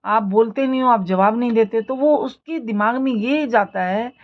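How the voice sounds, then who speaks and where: A woman's voice: fairly high pitch, normal speed, phone-quality sound. A woman giving earnest, preachy life advice in a casual motivational talk. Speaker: lifestyle video host.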